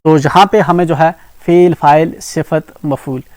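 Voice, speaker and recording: A man's voice: on the high side, fairly even intonation, a little slow, a little mellow, no echo. A man with a Kashmiri accent teaching an exam-prep grammar lesson. He explains each term with examples and keeps checking in with "ठीक है ना". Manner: repeats "ठीक है ना" often, explains terms with examples.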